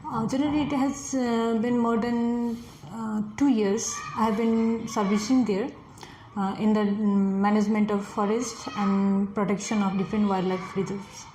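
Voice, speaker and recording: A forest officer sitting an exam, this woman in her twenties speaks with a Nepali accent as a native Nepali speaker. She answers hesitantly, filling gaps with lots of fillers, in a medium-pitched, dark voice with a level tone at normal speed. Faint noise and room echo are audible.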